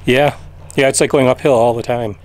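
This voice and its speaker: A man's voice: mid-range voice, fairly even intonation, brisk. A middle-aged man hosting a casual travel vlog, talking easily to a camera held at arm's length outdoors. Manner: easygoing, talks straight to a handheld camera. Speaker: vlog host. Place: outdoors in a parking lot.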